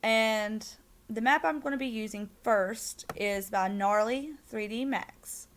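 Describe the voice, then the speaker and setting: A young woman with a strong Southern US accent, talking through a screen-recorded software tutorial in a chatty way, with plenty of "um"s and little apologetic asides. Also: a little high, slow pace, slight background noise. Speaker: tutorial maker.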